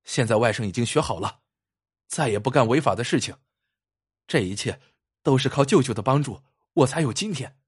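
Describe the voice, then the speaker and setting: A man voicing a pale young nephew, earnest and soft-spoken, in a ghostly told story. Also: medium pitch, animated, a little fast, slightly rough.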